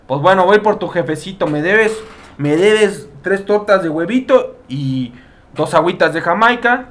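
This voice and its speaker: A man with a Mexican accent giving playful, joking let's play commentary, talking straight to his viewers with sudden loud outbursts. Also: fairly high pitch. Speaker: gamer.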